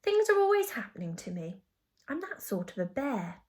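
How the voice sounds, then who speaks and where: A woman's voice: on the high side, very animated, normal speed, a little mellow. A woman reading a children's story aloud, voicing a polite, earnest young male bear. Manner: earnest and well-mannered.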